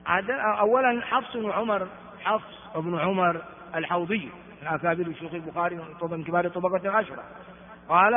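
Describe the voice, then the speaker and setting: A man, an Islamic scholar, gives a classroom lecture explaining a hadith text, sometimes chanting the quoted words and verses. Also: sits high. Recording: long hall reverb, narrow phone-like sound.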